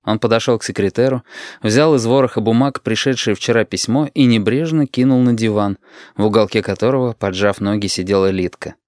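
A man narrating an audiobook with expressive storytelling. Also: on the low side, fairly quick, no room sound, clean studio sound. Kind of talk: scripted narration.

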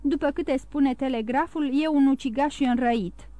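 Audiobook: female narrator as a commanding corporal; her high voice, dry. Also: warm tone, no echo, natural voice. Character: bossy, joking gendarme corporal, a man.

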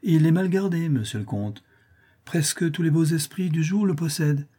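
A man's voice: fairly high pitch, dark tone, slightly rough, voice pushed up. A man voicing a witty young man disguised as a noble young lady, speaking with cool irony. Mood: ironic. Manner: cool, ironic, measured.

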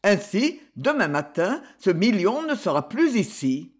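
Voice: very animated, unhurried. A reader voicing a cunning, self-satisfied young man plotting a ruse, in an audiobook. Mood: smug. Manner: low, sly, self-satisfied. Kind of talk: audiobook character voice.

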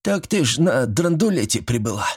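A man's voice: medium pitch, big pitch swings, normal speed, slightly rough, voice pushed up. A man voicing a fussy, chatty old village woman who talks in a folksy way. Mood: fussing. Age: older.

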